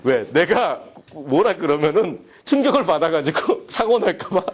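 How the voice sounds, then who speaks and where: A man giving a humorous psychology lecture to a class, animated and joking, often acting out quoted dialogue. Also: a little high, moderate pace. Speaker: university lecturer.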